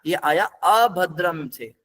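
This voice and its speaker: A man with a high-pitched voice leads a scripture class. He breaks every word down step by step and stops often to quiz his students. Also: slow, fairly bright tone. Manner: patient, step-by-step explaining, quizzes the class.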